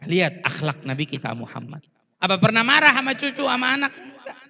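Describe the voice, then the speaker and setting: A man's voice: extremely high pitch, sing-song, brisk, bright, forceful tone, dull audio. A man preaching a sermon at a religious gathering. He tells stories, acts out the dialogue in them and speaks straight to the audience with polite apologetic asides. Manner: storytelling, acting out quoted dialogue. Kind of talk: Islamic sermon at a Maulid event. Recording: reverberant hall PA sound.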